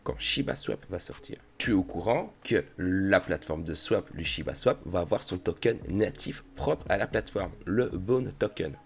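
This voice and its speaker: A man's voice: sits low, animated, moderate pace, gravelly, few pauses. A man talking casually through a crypto tutorial, addressing the viewer in a chummy way. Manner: chatty, addresses viewer familiarly. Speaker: crypto YouTuber.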